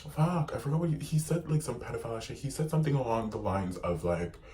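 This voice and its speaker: A young man telling a personal story in a vlog, animated and profane, packing his sentences with "like.". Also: mid-range voice, quick pace, a little hiss or hum. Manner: animated and profane, heavy use of "like". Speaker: vlogger.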